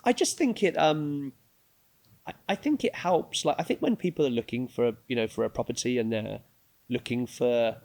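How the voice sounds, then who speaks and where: A man's voice: medium pitch, moderate pace, creaky, darkish tone. A man from England with a neutral English accent, chatting casually as a podcast guest, with lots of fillers and frequent laughs. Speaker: guest, real estate agent. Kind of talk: casual interview chat.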